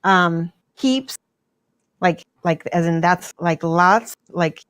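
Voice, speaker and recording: A woman's voice: lowish voice, slow pace, a bit bright. A woman chatting casually while she paints miniatures on a livestream. She laughs often and often restarts her words.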